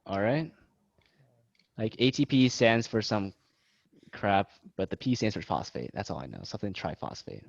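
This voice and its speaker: A man's voice: lowish voice, big pitch swings, moderate pace, vocal fry, long pauses, no echo. Young man, student tutor, casual joking delivery, self-deprecating, dry sound, muffled video call audio. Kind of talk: casual study-session teaching.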